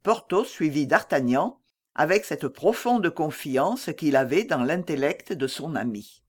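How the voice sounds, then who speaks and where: An audiobook narrator reading a classic novel aloud and voicing the dialogue. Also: medium pitch. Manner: slow, lively storytelling with voiced dialogue.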